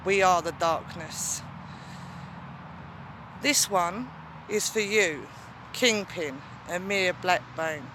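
A woman's voice: on the low side, takes it slowly, long pauses, noisy background. A woman playing a menacing female demon wrestling champion, taunting her rival with evil laughs. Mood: gloating menace. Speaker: wrestling promo performer. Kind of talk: wrestling promo.

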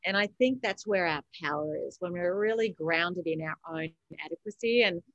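Speaking at a moderate pace with a lowish, fairly bright voice, an Australian author and coach gives emphatic, encouraging advice as a guest on a motivational podcast interview, frequently repeating phrases for effect. There's no echo, though the sound is lo-fi.

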